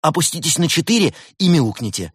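A man's voice: a little high, big pitch swings, brisk, husky, no echo, studio quality, pitched above the performer's own voice. A man voicing a cheerful young male tech-support worker with an eager, helpful manner. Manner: chirpy, eager, bright helpful phone manner. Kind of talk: audiobook character voice.

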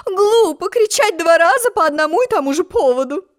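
A fussy, tearful old storybook queen, played by a woman reader, with a very high, shrill voice that swings wildly up and down. She wails and shrieks, then drops into coaxing lament. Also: animated, a little fast. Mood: calm.

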